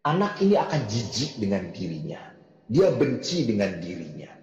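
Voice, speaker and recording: A middle-aged man preaching to a congregation, telling lively personal stories, and moving between soft and loud delivery. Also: lowish voice, normal speed. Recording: echoey hall, dull sound.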